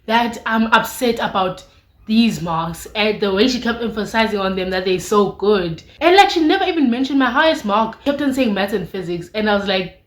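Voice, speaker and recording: Young South African woman vlogging, echoey room. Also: mid-range voice. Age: late teens, young adult. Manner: expressive, informal, with slangy asides. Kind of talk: casual confessional chat to viewers. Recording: echoey, roomy sound.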